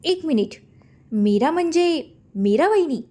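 Woman voicing a cheeky young man, bright and high. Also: lively intonation, unhurried. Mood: surprised. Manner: cheeky, jokey. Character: playful teasing young man, a grown son.

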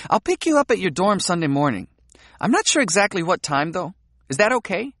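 A man's voice: high-pitched, brisk, no room sound, clean studio sound, voice pushed up, exaggerated voice. A man reading an audiobook, voicing a frank, playful young woman who teases and provokes. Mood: eager. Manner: teasing, provocative, animated.

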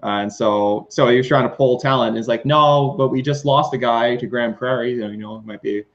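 A man's voice: medium pitch, fairly even intonation, fairly quick, fairly bright tone. A young man in his twenties, a radio DJ, chatting over a video call from his kitchen. He talks in an easygoing way, full of fillers. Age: 20s. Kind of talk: casual video-call chat. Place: kitchen, indoors. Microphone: webcam on a video call. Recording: dull lo-fi call audio.

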